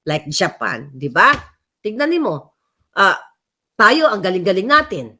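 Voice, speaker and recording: A woman's voice: medium pitch, sing-song, measured pace, sharp tone, a little hiss or hum. A middle-aged woman from the Philippines with a Filipino accent, vlogging rambling, impassioned political commentary and switching between English and Tagalog. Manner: impassioned, emphatic.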